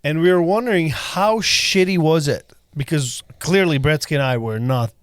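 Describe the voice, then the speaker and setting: A man's voice: a little high, normal speed, clean tone, no echo. A man co-hosting a podcast, chatting crudely and teasing his guests, laughing often. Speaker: podcast co-host. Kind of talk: crude casual chat.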